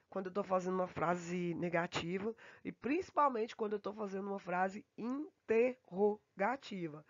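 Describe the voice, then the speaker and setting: A woman teaches English grammar remotely from home. She stretches out her English example sentences and rushes through the asides. The sound is dry and a little muffled. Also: medium pitch, dry recording. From Brazil. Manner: slow, drawn-out English examples between quick asides. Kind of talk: remote lesson explaining grammar. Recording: dull, dry home recording.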